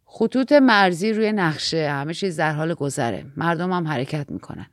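A woman voicing a quiet, wry young man who runs a boat, speaking low and calm. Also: no echo, studio quality. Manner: calm, laconic, low-voiced.

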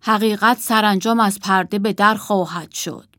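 A woman as a solemn toy owl, slow, grave storybook tone. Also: mid-range voice, fairly even intonation, a bit bright, dry recording, clean studio sound, close to an everyday voice. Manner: serious, slow.

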